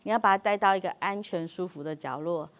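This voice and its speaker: A middle-aged woman leads a parenting talk in a lively, animated way. She slips into quoted dialogue and laughs often. Her restarts and repeated words give the talk a warm, unscripted feel. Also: lowish voice, fast talker. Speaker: parenting workshop speaker.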